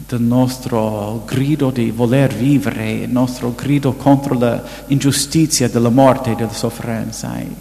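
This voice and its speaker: A man, seemingly a priest, quietly telling a personal story in a sermon, recorded in an echoey hall. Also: mid-range voice, steady tone, a little slow, vocal fry, few pauses. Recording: echoey hall with long reverb.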